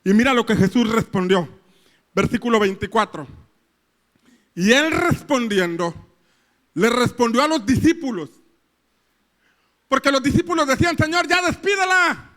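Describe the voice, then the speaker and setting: A male pastor delivers a sermon in a strikingly high voice. His tone is bright and forceful, and he drives his point home with repeated rhetorical questions, slipping into the voices of the people in the story. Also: animated, normal speed, pauses often. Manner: repetitive, rising rhetorical questions, acting out quoted voices.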